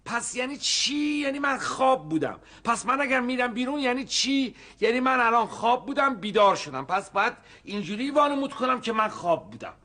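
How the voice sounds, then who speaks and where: A man's voice: extremely high pitch, expressive, hardly any pauses, pushed and bright, full character voice. An actor playing a scheming man who rambles to himself with hesitant restarts, in a TV comedy series. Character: scheming middle-aged man plotting his next move.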